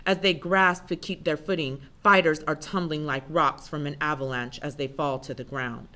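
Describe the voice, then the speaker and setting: A woman giving an intense, measured first-person spoken word performance. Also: low-pitched, fairly even intonation, pushed and bright.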